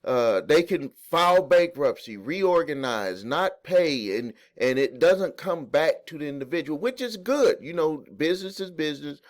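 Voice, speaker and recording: A man's voice: a little high, animated, normal speed, hardly any pauses. A man hosting a credit repair channel, explaining a court ruling in a rambling, conversational way, full of fillers, restarts and folksy asides. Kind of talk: casual explainer monologue.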